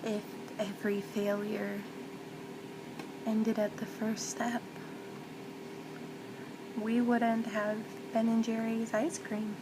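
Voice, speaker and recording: In a soft ASMR role play, a woman with a voice on the high side plays a loving mother comforting her child. She speaks slowly and very evenly, tender, reassuring and earnest, often nearly whispering, over loud ambient noise.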